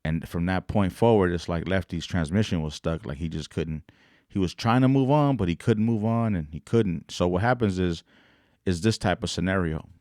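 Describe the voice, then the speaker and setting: A man with a low voice talks through a casual podcast monologue. He rambles in street slang and slips into quoted voices. The sound is dry and close. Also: moderate pace, a little mellow, dry recording. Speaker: podcast host. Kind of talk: casual commentary.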